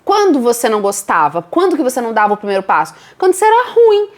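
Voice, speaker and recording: A woman with a Brazilian accent, co-hosting a casual motivational talk as a speaking coach, lively and teacherly, acting out what her students say. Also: on the high side, fast. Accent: Brazilian Portuguese.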